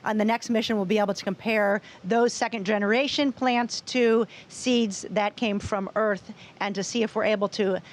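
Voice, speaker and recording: A woman's voice: mid-range voice, steady tone, normal speed, hardly any pauses. A woman speaking as an astronaut, giving explanatory interview answers. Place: inside a space station.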